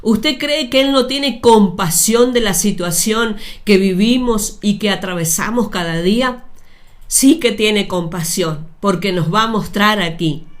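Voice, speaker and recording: A woman preaching a sermon, speaking deliberately with repeated phrases and addressing her listeners directly. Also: medium pitch.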